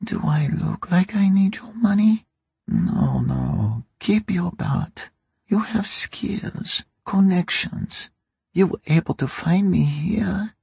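A man voicing a dry, sly, ruthless old woman who runs a crime family, in a raspy, mocking audiobook voice. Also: high-pitched, sing-song, slow pace, a little mellow, dry recording, pitched above the performer's own voice, exaggerated voice. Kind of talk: audiobook character reading.

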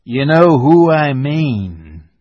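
A man voicing a secretive male beaver in a storybook reading, with a hoarse, throaty whisper, hushed and slow. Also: on the high side, very animated, no room sound, highs cut off, pitched above the performer's own voice, full character voice. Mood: wary.

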